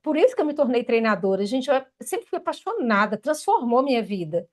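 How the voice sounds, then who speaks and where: A Brazilian woman with a Brazilian Portuguese accent leads a group over a live video call. She coaches in an animated, emphatic way and speaks right to her listeners, her voice high and bright. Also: fairly quick. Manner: animated, emphatic, talks directly to the audience. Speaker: coach and trainer leading an online group session. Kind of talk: live online workshop, guiding an exercise.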